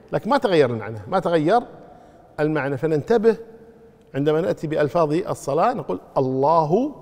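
A man's voice: a little high, a little mellow. A man teaching a religious lesson on prayer rules. He repeats his key points and quizzes his listeners as he goes. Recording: long reverb of a large hall.

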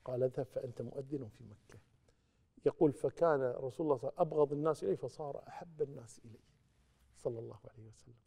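A man giving a religious lesson, retelling a story and quoting its speakers with emphatic rises and soft drops. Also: medium pitch, rapid-fire, creaky, husky. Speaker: religious teacher. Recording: long hall reverb.

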